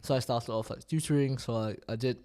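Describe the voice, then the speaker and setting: A Singaporean man in his twenties, a student entrepreneur, chats casually as a podcast guest, thinking aloud with plenty of fillers. His mid-range voice is brisk, mellow, clear and resonant.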